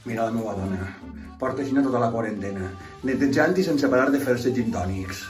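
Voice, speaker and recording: A man's voice: mid-range voice, brisk. A man, joking playfully in a comic sketch vlog. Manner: playful, jokey, affectionate. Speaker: comedian and vlog host. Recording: echoey room with music behind.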